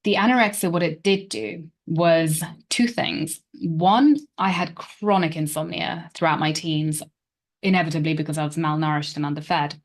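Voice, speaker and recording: A woman's voice: sits low, steady tone, moderate pace. A woman in her thirties, a relationship coach, telling her life story in a reflective way full of fillers. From England. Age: 30s. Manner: reflective, hedging with many fillers. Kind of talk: personal story monologue.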